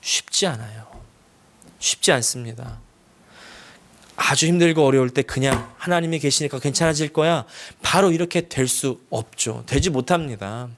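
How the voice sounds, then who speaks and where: A male pastor preaching a sermon with passion, pushing his voice up on emotional lines and dropping low for quiet personal stories. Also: a little slow.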